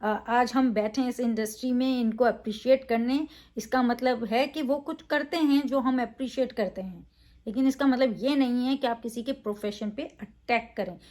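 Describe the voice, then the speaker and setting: A woman's voice: fairly high pitch, moderate pace, a little mellow. A woman reviewing a reality show in a casual, opinionated way, emphatic, with frequent fillers.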